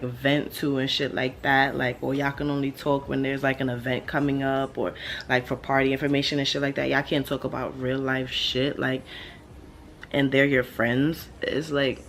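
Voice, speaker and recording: A woman in her late twenties talking casually in a laid-back stoner ramble, slangy and blunt, swearing freely as she thinks aloud. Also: extremely low pitch. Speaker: vlogger. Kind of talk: casual rambling monologue to camera. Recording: steady background ambient noise.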